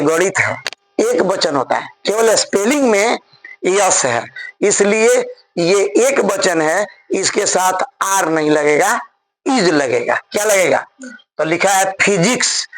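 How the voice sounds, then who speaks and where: Slow, high-voiced male grammar teacher. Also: a bit bright, rough recording. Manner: spells words out letter by letter and scolds students teasingly. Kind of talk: classroom grammar lesson.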